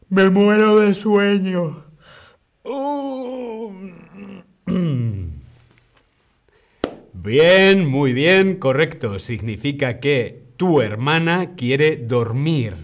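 A man from teaching a live online lesson, saying example phrases slowly and drawn out, with lively exclamations between them. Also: fairly high pitch. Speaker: Spanish teacher.

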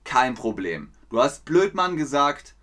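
A man teaching a history lesson to learners, explaining words slowly and acting out scenes with sound effects and voices. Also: mid-range voice, big pitch swings, fairly bright tone. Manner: repeats phrases to explain words. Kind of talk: slow, playful explanation for learners.

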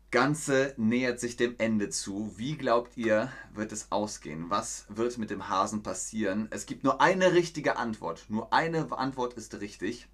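A man with a mid-range, somewhat bright voice teaches German on a live stream. In a slow storytelling lesson, he reads a fairy tale aloud, explains words and greets viewers from the chat.

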